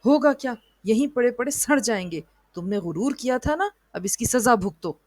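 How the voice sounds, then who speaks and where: Clever little male animal hero voiced by a woman, bold defiant talk, breathy voice, dry sound. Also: fairly high pitch, animated, unhurried, no echo. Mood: scolding.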